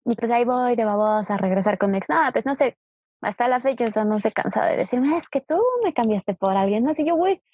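Young Mexican woman, husky and dry. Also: on the high side, a little fast, no room sound. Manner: animated, acts out quoted dialogue. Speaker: interviewee. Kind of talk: casual storytelling.

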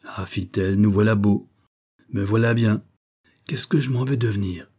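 A man's voice: on the low side, moderate pace, dark tone, breathy edge. A man voicing a scheming woman who is dismayed and fretful, speaking in exclamations and slang, in an audiobook. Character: scheming woman, frightened mother figure.

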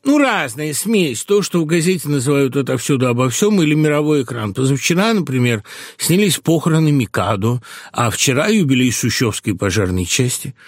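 A man voicing a confident, smooth-talking swindler in an audiobook reading, calm and sly. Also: mid-range voice, fairly quick, no room sound, clean studio sound, close to an everyday voice. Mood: amused. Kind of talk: audiobook character voice.

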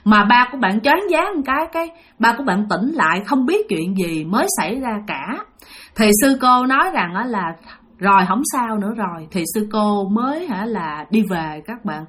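A woman's voice: mid-range voice, lively intonation, moderate pace, a bit bright. A woman telling a ghost story in a chatty way, talking straight to her listeners. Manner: chatty, addresses listeners directly, lots of fillers.

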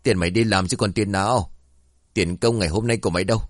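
A man voicing a drunk, violent middle-aged father who shouts crude demands and threats. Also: on the low side, expressive, fairly quick, no room sound, studio quality. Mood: drunk angry.

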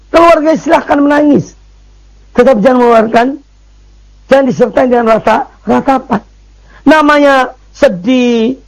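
A man's voice: very high-pitched, gravelly, rough recording. A man giving a religious study lecture, emphatic, repeating phrases and dropping in frequent fillers. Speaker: Islamic preacher.

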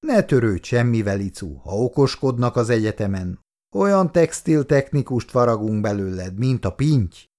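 A man's voice: medium pitch, animated, a little mellow, lightly acted. A man voicing a bossy, self-satisfied older family friend in a read-aloud story, talking in a hearty, boastful way.

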